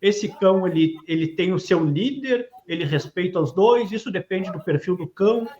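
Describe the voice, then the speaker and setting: Hesitant podcast host. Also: male voice, sits high, lively intonation, darkish tone, muffled recording, a little hiss or hum. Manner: long hesitant questions with filler pauses. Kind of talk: casual podcast interview.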